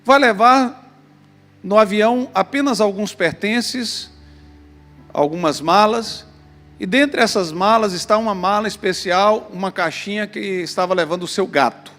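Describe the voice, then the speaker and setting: Brazilian pastor telling a story. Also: male voice, sits high, unhurried. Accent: Brazilian Portuguese. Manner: animated storyteller, addressing the congregation. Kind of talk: sermon with storytelling. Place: church hall. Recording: long church reverb, faint music.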